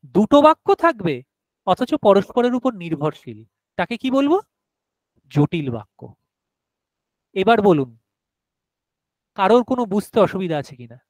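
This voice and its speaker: A man's voice: very high voice, no room sound, poor audio. A male teacher giving a grammar lesson to a class, explaining step by step and often asking whether everyone has understood.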